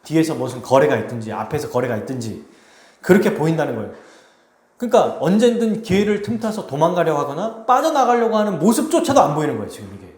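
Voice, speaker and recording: A man preaching an expository sermon as pastor, animated and acting out quoted speech. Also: on the high side, fast talker. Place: church sanctuary. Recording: roomy church echo.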